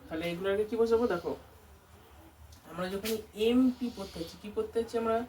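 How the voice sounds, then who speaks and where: A woman's voice: mid-range voice, quick pace, dark tone. Woman tutor quizzing students, distant mic. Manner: keeps asking students questions and answering them herself. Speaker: English tutor running a coaching centre. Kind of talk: classroom grammar lesson. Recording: distant mic with faint background noise.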